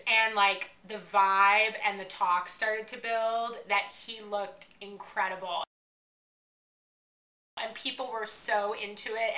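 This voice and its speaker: A woman co-hosting a casual chat, telling a story with excitement and frequent laughs. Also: mid-range voice. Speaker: co-host. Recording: roomy echo.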